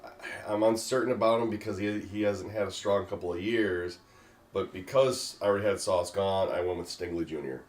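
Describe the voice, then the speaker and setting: A man hosting a casual discussion, talking in a halting way with many fillers. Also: fairly low pitch. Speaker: host. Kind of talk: casual draft pick discussion. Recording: echoey room.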